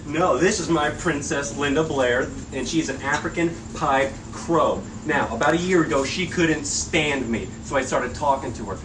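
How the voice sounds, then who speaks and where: A man tells a dry, deadpan joke story about his pet bird. He is recorded from a distance in an echoey room. Noticeable background noise sits under his voice. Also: on the high side, moderate pace, hardly any pauses. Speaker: animal keeper presenting a crow. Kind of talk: deadpan comic bit.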